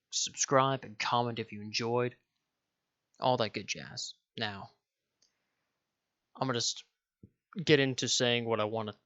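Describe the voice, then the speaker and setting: A man's voice: mid-range voice, a bit bright, highs cut off. A young man from Denmark, a YouTuber, talking casually to his viewers, rambling, correcting himself and swearing offhand. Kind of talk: casual direct-to-camera vlog.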